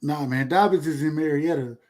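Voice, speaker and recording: A man's voice: a little high, a little fast, a little mellow. Man in his thirties, from Georgia, casual, rambling, boastful. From Georgia, USA. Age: 30s. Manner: laid-back, boastful, rambling with repeats. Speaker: podcast host. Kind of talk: casual chat.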